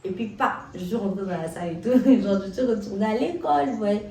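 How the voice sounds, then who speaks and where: A young woman telling a story in a casual, animated way, full of slang and restarts, as a vlogger. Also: mid-range voice, a little fast, creaky, recorded from a distance, slight background noise. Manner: animated, excitable retelling with slang. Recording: roomy echo, set back from the mic.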